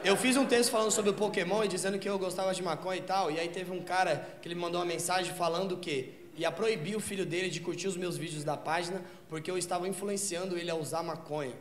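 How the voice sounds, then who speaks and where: A young man from São doing a stand-up set, telling a profane, slang-heavy story and acting out the other voices with shouts. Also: sits high, fairly even intonation, fast talker, hardly any pauses. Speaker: stand-up comedian. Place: comedy stage with live audience. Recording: echoey room, loud audience noise. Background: audience laughter.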